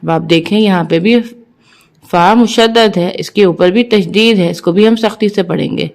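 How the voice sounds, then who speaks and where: A woman teaching Quran reading, slowly spelling out Arabic syllables and then quickly explaining the rules. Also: mid-range voice. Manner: slow deliberate recitation alternating with quick, quieter explanations.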